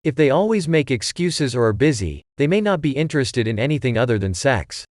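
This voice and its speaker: A man's voice: medium pitch, no room sound. Man reading advice in a dry voice. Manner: even, measured reading of a numbered list. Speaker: narrator. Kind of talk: scripted advice narration.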